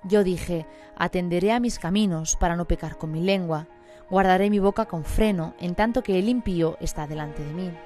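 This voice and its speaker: A woman reads a psalm aloud in a fairly low voice. Her delivery is solemn, measured and even. Music plays clearly behind her throughout. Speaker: scripture reader. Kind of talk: solemn scripture reading.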